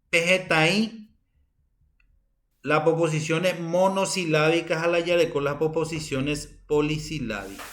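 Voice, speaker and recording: A woman teacher with a Paraguayan accent giving a recorded university lecture, unhurried and halting, often repeating her phrases. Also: low-pitched.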